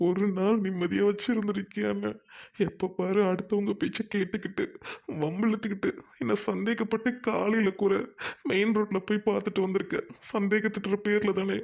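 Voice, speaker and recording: A woman's voice: medium pitch, little pitch movement, brisk, creaky. A woman playing a hurt village husband who reproaches his wife, then comforts her. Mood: bitter, despairing. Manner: bitter reproach, then soft reassurance.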